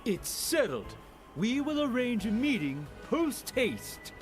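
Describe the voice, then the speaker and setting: A man's voice: very high voice, very animated, slow, soft background music, full character voice. An actor playing a greedy, scheming male rebel officer with a wheedling, theatrical manner. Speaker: game character.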